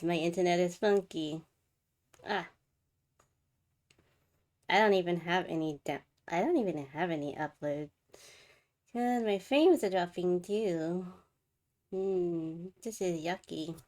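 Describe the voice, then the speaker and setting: A woman livestreamer chats casually with viewers while hosting a game stream from an indoor setup, game music playing behind her. Her voice is fairly low with a darkish tone.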